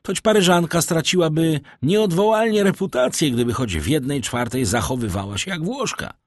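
A man voicing a worldly young gentleman in an audiobook, speaking in a wry, lecturing way. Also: on the high side, animated, normal speed, no echo, clean studio sound, voice pushed up.

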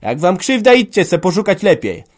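A man voicing a domineering old peasant farmer who shouts scornful threats at his family. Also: medium pitch, big pitch swings, unhurried, pitched above the performer's own voice. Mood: angry shouting.

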